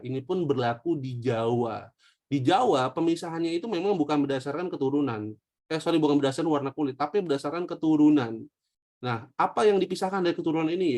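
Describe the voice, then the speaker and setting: A man's voice: medium pitch, darkish tone. A young man giving a casual online history lesson. He jokes with the class, poses questions and answers them himself, and speaks with a slang flavor. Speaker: teacher.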